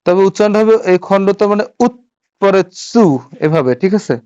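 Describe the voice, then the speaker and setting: A man's voice: high voice, moderate pace, mellow, clean tone. Man teaching Japanese letters, lo-fi sound. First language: Bengali. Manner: patient, repeats each stroke step by step. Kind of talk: classroom lesson. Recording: dull lo-fi sound.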